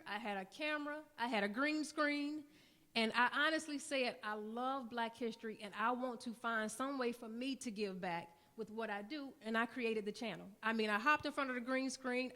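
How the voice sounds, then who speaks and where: A woman's voice: fairly high pitch, sharp tone. A woman giving her remarks on a conference panel, earnest and building to rousing repeated lines before a room audience. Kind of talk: panel talk at a summit.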